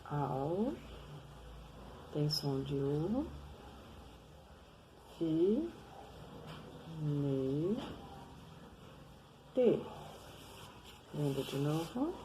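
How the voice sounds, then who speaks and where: A Brazilian woman leads a slow reading lesson, breaking words into syllables with great patience. Her voice sits low and mellow, and the pace is very unhurried. Faint background noise is present. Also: very animated, poor audio. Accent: Brazilian Portuguese. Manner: patient, drawn-out syllables for learners. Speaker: literacy teacher.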